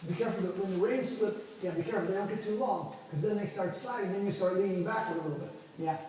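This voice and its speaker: A man's voice: high voice, fast talker, a little mellow. A man coaching a horse riding lesson, calling out short encouraging instructions and counts, recorded from a distance in a large indoor arena. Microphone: distant camera at the arena edge. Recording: echoey hall from far off, faint noise.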